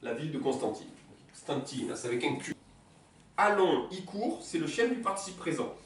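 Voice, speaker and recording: A teacher giving a beginner's language lesson in a classroom, patiently repeating words slowly and checking that students follow. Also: mid-range voice, lively intonation, slight background noise. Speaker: Arabic teacher. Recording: roomy sound from a distant mic.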